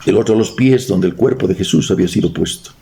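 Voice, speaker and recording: A man's voice: sits low, fast, mellow. A man with a Bolivian accent preaching in a church, reading scripture aloud, joking with the congregation and quizzing them. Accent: Bolivian Spanish. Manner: reads verses aloud, adds jokes and quizzes the congregation.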